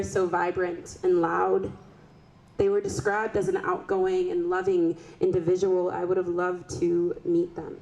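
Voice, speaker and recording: Low, mellow woman giving a solemn tribute. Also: low-quality recording. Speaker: rally speaker. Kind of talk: solemn prepared tribute speech.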